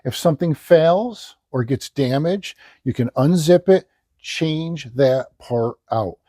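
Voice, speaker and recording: Male infomercial presenter: relaxed, mellow tone, hard-sell ad copy delivered with emphasis, very dry recording. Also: fairly high pitch, slow pace, dry recording. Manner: hard-sell, emphatic, repeats selling points. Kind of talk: sales pitch, product demonstration.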